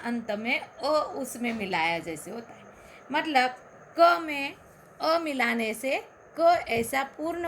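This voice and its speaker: A woman schoolteacher with a Marathi accent, a native Marathi speaker, reciting and explaining the letters of the alphabet in a slow, carefully enunciated lesson. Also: high-pitched, fairly bright tone, a little hiss or hum. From Maharashtra, India. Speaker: school Hindi teacher. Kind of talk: recorded lesson.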